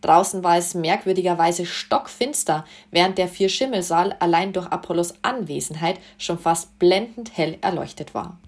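Low-voiced woman reading a storybook. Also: moderate pace, hardly any pauses. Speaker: narrator. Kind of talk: storybook narration for children.

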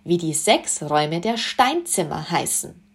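Woman doing a loud, boastful young sun god, cheerful and cocky, storybook. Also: fairly low pitch, sing-song, a little slow, vocal fry, full character voice. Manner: loud, showy, self-assured.

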